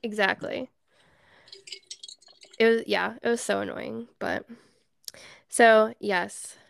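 A woman's voice: mid-range voice, steady tone, slow, vocal fry, slight background noise. A young woman co-hosting a podcast, telling an emotional family story in a chatty way with frequent laughter. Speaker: podcast co-host. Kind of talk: casual chat.

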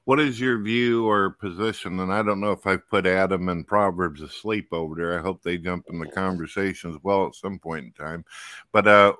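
A male host in a casual call-in debate who puts blunt hypothetical challenges to a guest and calls his own voice monotone. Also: deep voice, moderate pace, no echo, clean studio sound.

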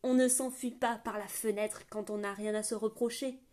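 A woman reading an audiobook voices a sly, scheming charlatan. He hisses and spells things out slowly, as if to a child. He is a suspicious villain in a fantasy tale. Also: on the high side, fairly even intonation, darkish tone, natural voice. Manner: hissing, slow and patronizing. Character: scheming charlatan man, condescending.

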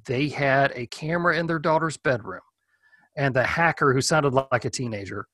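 A man speaks as a guest expert, laying out practical home security tips in a relaxed, explanatory way. His voice is recorded close and dry, with no room sound. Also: mid-range voice, moderate pace, no echo. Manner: practical, explanatory, thinking aloud. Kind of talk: casual advice in an interview.

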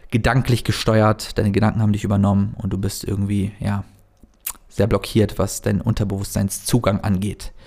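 Fast-talking earnest male self-help coach. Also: on the low side, a little mellow. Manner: fast-talking, earnest, addresses the listener directly. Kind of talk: casual motivational monologue.

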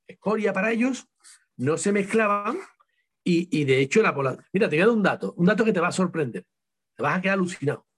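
A man's voice: fairly high pitch, husky. A man from Seville with an Andalusian accent, an author talking emphatically in an interview, full of rhetorical questions and repeated words. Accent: Andalusian Spanish. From Seville, Spain. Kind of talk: casual interview talk.

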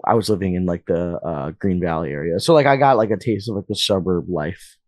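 Young guy from vegas rambling w tons of "like", lowish voice, dry close sound. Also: fairly quick, a little mellow, no echo. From Las Vegas, USA. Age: young adult. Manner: rambling, filler-heavy, lots of "like". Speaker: guest musician. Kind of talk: casual interview storytelling.

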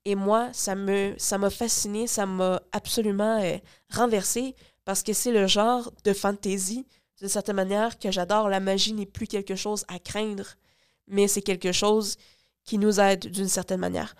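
Woman radio host, mid-pitched, chatty and halting, lots of fillers, studio read. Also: fairly even intonation, smooth. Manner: rambling, restarts, many fillers. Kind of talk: casual radio talk.

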